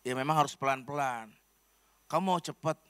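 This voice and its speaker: A male pastor voicing a calm, sly healer who reassures a distressed woman. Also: mid-range voice, brisk, clean tone, no room sound, natural voice. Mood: calm reassuring.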